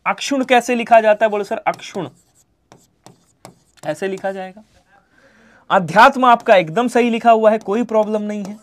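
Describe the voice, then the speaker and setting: Hindi teacher drilling exam spelling. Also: male voice, high-pitched, normal speed, long pauses. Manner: repeats answers in imagined student replies, drops to quiet trailing endings. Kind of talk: online exam-prep class.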